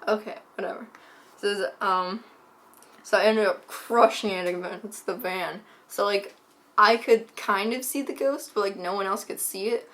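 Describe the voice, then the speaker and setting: A woman co-hosting a casual chat, telling a long story with many "like"s and deadpan asides. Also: medium pitch, normal speed. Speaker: co-host.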